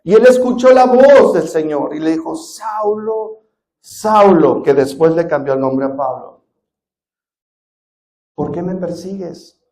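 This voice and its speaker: A man preaching a sermon as pastor in a church, swinging between loud stresses and hushed drops and asking the congregation questions. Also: fairly high pitch.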